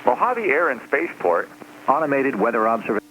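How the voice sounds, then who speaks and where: A machine-made male voice reading an automated airport weather broadcast, measured and digit by digit. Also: mid-range voice, big pitch swings. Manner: measured, reads figures digit by digit with set pauses. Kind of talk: automated aviation weather report. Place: heard inside a small aircraft in flight. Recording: loud engine drone behind the broadcast. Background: aircraft engine noise.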